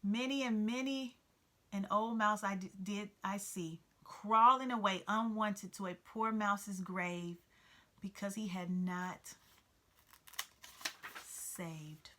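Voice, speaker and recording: Reading a storybook aloud, a woman takes on the part of a fussy, sentimental male mouse who whines and carries on in a pitiful, dramatic way. Her pitch is medium and her intonation fairly even, with a slow pace and a sharp tone.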